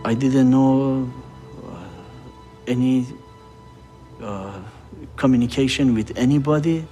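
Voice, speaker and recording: Man in his forties, documentary interviewee, slow hesitant broken English, middle-pitched. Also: dark tone, faint music behind. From Iran. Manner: halting broken English with fillers.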